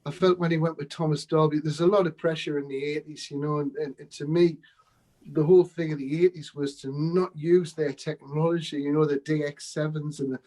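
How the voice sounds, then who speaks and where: A man's voice: fairly high pitch, steady tone, brisk, warm tone, rough recording. A man being interviewed, telling rambling anecdotes about his music days with laughs and quotes. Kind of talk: casual storytelling interview.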